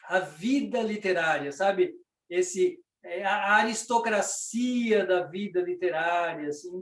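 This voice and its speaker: A Brazilian man with a fairly high voice teaches a language class, going through each point patiently and checking in with his listeners. He sounds set back from the microphone in a roomy, echoing space. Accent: Brazilian Portuguese. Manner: patient, explains step by step with frequent "né?". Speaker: Sanskrit teacher. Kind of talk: explanatory lecture. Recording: roomy, distant mic.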